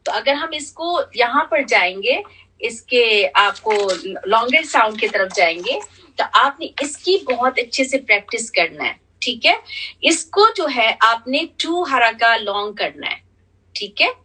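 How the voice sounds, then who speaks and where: A woman's voice: on the high side, expressive, sharp tone, slightly rough, far from the mic, low-quality recording. A woman teaching tajweed, patiently repeating letter sounds and mixing in English. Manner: patient, repeats sounds slowly, checks in with "theek hai"; switches between Hindi-Urdu and English. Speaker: Quran recitation teacher. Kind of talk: tajweed lesson with demonstrated recitation.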